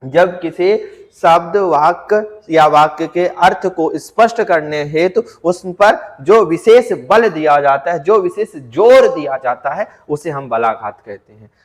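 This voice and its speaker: A male teacher giving an exam-prep grammar lecture, asking his students questions and answering them himself, and drawing out example words slowly to show stress. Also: a little high, animated, long reverb tail. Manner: addresses students as friends, asks and answers own questions.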